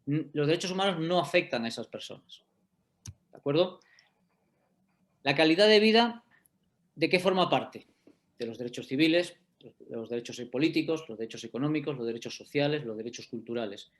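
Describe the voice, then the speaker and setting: A man's voice: a little high, lively intonation, brisk, long pauses. A middle-aged man giving a law lecture in an online class, explaining step by step and often checking that listeners follow. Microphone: video call.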